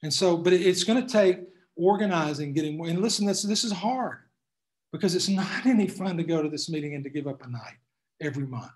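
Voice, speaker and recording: A man's voice: fairly high pitch, animated, fairly quick. A man speaking to a class, answering questions in a folksy, emphatic storytelling way.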